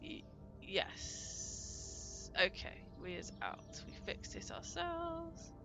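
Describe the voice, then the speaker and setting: With music in the background, the let's-play commentator speaks very slowly in an extremely high-pitched voice with big swings in pitch. A cold has her voice a bit off as she narrates her gameplay in a casual, chatty, rambling way, restarting often.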